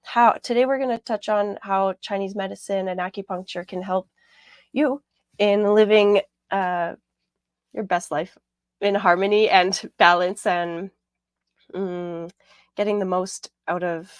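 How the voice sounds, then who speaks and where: A woman with a raspy, medium-pitched voice hosts a casual radio talk show, rambling a bit with fillers and repeated words. The studio sound is clean, with no room sound.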